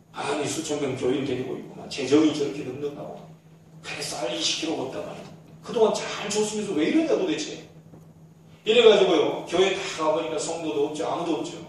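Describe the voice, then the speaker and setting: High-voiced pastor preaching in an echoey church. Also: male voice, slight background noise. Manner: animated storytelling. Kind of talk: sermon. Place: church sanctuary. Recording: echoey church hall, distant mic.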